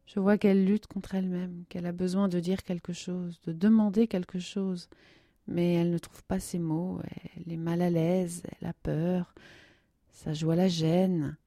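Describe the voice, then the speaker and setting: A woman narrating a story in a hushed, measured way, dropping to a whisper at tense moments. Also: lowish voice, little pitch movement, dry recording, clean studio sound. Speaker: audiobook narrator.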